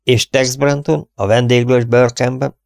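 A man voicing an earnest, sorrowful young man who speaks quietly and resolutely, in an audiobook. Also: mid-range voice, little pitch movement, gravelly, no room sound, studio quality, voice pushed up, close to an everyday voice.

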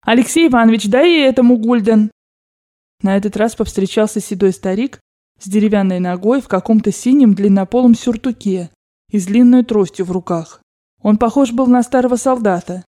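A woman with a warm, medium-pitched voice reads a classic novel as an audiobook narrator, telling the story in a measured way.

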